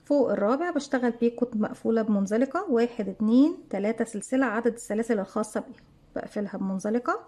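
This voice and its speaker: A woman's voice: on the high side, animated, rapid-fire, mellow. A woman with an Egyptian Arabic accent teaching crochet step by step, counting stitches aloud and asking and answering her own questions. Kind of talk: step-by-step tutorial narration.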